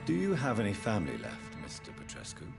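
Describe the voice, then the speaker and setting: A man's voice: lowish voice, huge pitch swings, fast, gravelly, full character voice. An actor playing an earnest doctor who presses an old man with persuasive questions. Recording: game audio with loud background music.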